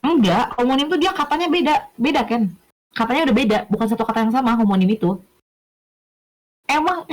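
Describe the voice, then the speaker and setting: On a rough recording, a young woman with a fairly high, darkish voice teaches a relaxed online lesson. She's chatty, stops often to make sure her listeners are keeping up, and fixes her own slips as she talks.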